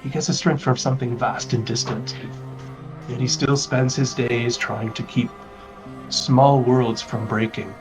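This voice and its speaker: A man voicing a gentle, earnest male adventurer in a tabletop role-play, speaking reflectively. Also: mid-range voice, steady tone, a little slow, recorded from a distance, music in the background, close to an everyday voice, low-quality recording. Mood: tender.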